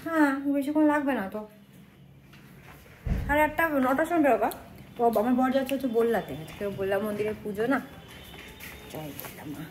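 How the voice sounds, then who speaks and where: A woman's voice: high-pitched, animated, fairly quick, long pauses, a little hiss or hum. A woman narrating a casual family vlog to her viewers from a phone camera. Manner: chatty, narrates to viewers, sometimes drops to a hushed voice. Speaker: vlogger.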